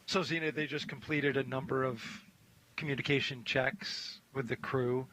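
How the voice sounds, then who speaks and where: A man's voice: mid-range voice, steady tone, moderate pace, sharp tone, rough recording. A man hosting a launch broadcast, giving live commentary in a conversational way.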